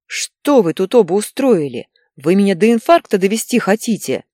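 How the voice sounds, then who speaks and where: A woman reading the part of an angry, exhausted husband and father who shouts harshly. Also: on the low side, sing-song, normal speed, no room sound, clean studio sound. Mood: furious.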